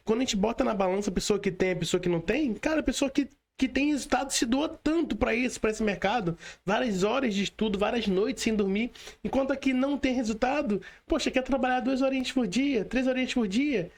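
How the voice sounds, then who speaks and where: A podcast host with a Brazilian Portuguese accent and a very high voice talks a little fast in a chatty, casual way. He leans heavily on fillers and tag questions, frequently saying "cara" and "né."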